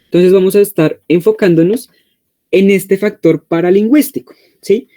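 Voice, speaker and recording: Colombian male tutor, online class, dark mellow tone, chatty, keeps checking if students follow. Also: sits high. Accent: Colombian Spanish. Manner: conversational, frequent check-in questions. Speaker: teacher. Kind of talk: online exam-prep class.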